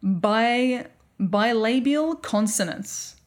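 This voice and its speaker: A woman's voice: on the high side, expressive, drawn-out words. An Australian woman co-hosting a podcast, chatting loosely and rambling as she explains, with frequent laughs. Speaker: podcast co-host. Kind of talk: casual explanatory chat.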